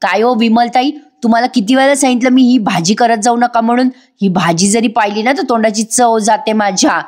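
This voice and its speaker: A woman's voice: fairly high pitch, brisk, darkish tone, lightly acted. A woman voicing a rude, spoiled young woman who mocks and sneers at her family. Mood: irritated. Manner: mocking, scornful.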